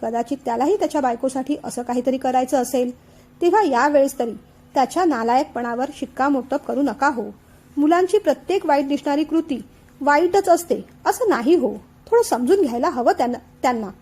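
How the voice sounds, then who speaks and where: Calm persuasive mother-in-law read by a woman, high mellow tone, audiobook. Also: fairly quick. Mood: gently persuading. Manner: gently reasoning.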